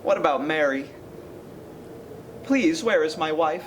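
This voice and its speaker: Guy playing a frantic young husband begging, high voice that swings all over. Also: lively intonation, unhurried, noisy background. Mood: bewildered. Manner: pleading, frantic. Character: desperate young husband at wit's end. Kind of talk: amateur stage acting.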